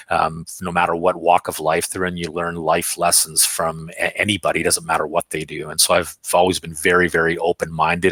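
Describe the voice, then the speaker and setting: A man with a very deep voice and a forceful, bright edge talks as a guest in a relaxed interview. He comes across candid and self-assured and sometimes laughs at himself. The sound is dry and close, over a video call from his office. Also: no echo. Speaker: guest, company founder. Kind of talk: casual interview chat.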